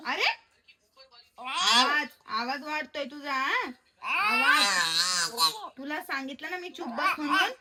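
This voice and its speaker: High-pitched mother mock-scolding her baby. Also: normal speed. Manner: playful mock-scolding, repeating short questions. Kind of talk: casual home video chat with a baby.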